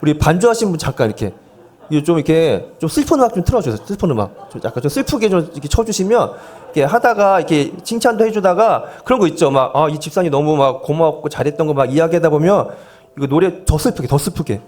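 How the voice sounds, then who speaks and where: A lively, joking pastor man. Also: on the high side, quick pace. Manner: joking, coaxing the congregation, self-deprecating asides. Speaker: pastor leading a volunteer seminar. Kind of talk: playful sermon with audience games. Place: church sanctuary, speaking from the pulpit. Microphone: handheld microphone.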